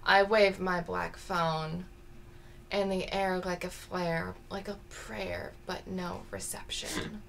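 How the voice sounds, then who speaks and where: Woman playing deadpan young poet, slow deliberate reading, gravelly. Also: on the low side, a little hiss or hum, full character voice.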